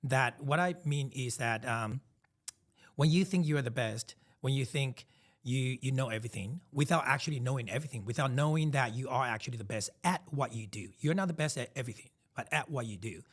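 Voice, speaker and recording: A man's voice: medium pitch, brisk. Man, thirties, from Taiwan; podcast co-host, reflective and emphatic, repeats himself as he works through ideas. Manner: reflective, emphatic storytelling with frequent restarts. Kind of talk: casual podcast chat.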